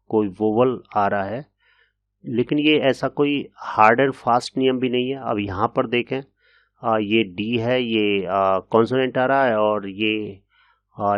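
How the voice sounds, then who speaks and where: A man teaching an English grammar lesson in a patient, explanatory way, often pausing with hesitation fillers. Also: medium pitch, no echo.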